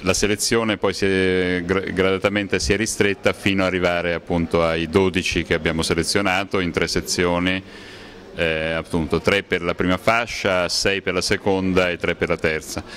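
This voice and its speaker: A man with a deep voice answers interview questions. He speaks spontaneously and hesitantly, as a selector explaining his work. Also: little pitch movement, normal speed, fairly bright tone. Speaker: film selector being interviewed.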